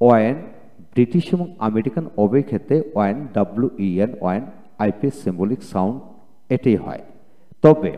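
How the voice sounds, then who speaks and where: A man's voice: lowish voice, mellow. A man giving a recorded pronunciation lecture, drilling words by repeating them aloud. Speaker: English pronunciation teacher. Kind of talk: video lecture. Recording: muffled audio with long reverb.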